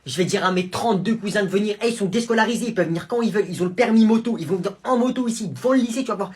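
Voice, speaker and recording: A brash teenage schoolgirl brags and threatens at full volume. A man puts her on, lifting his voice above its usual pitch. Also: rapid-fire, close to an everyday voice. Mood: threatening. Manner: boastful, threatening, loud.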